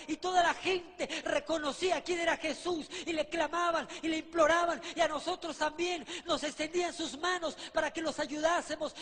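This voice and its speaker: A male preacher with an extremely high, slightly bright voice gives his testimony as a vivid sermon. He speaks fervently, throwing rhetorical questions at his listeners, while long reverberation from a large hall trails each word.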